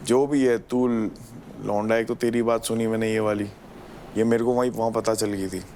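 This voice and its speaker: A man's voice: fairly low pitch, fairly even intonation, normal speed, darkish tone, a little hiss or hum. Blunt confrontational young man. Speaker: reality show contestant. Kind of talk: heated argument.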